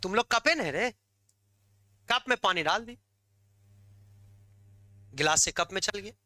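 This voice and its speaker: A male teacher, high for a man and very bright and forceful in tone. He talks to students in a lively, coaxing and scolding way, with sudden loud bursts. The sound is close and dry. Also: a little slow, no room sound. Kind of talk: classroom lecture.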